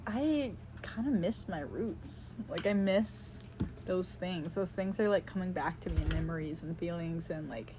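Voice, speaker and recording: Painting at home on Maui, this thirtysomething vlogger from South Carolina talks in a relaxed, reflective way full of fillers, a faint Southern US accent coloring her words. Her pitch is fairly low, and there's background noise.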